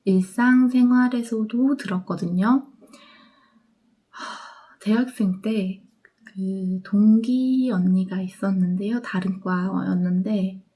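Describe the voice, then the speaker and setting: A young woman with a Gwangju accent talking about books in a reflective vlog. She speaks earnestly and haltingly, and her sentences often trail off into soft, whispered endings. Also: medium pitch. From Korea. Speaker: book vlogger. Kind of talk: personal reflective talk.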